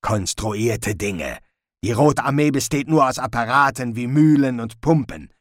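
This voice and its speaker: A man voicing a cruel, imperious lord who speaks slowly and with quiet menace. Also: mid-range voice, no echo, clean studio sound, close to an everyday voice. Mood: menacing. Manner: slow, menacing, commanding.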